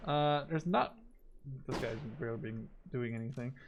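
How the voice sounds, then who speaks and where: A Dutch man in his twenties hosts a gaming video, giving casual commentary and thinking aloud informally as he plays. His mid-range voice moves at a moderate pace, with a little hiss or hum in the recording.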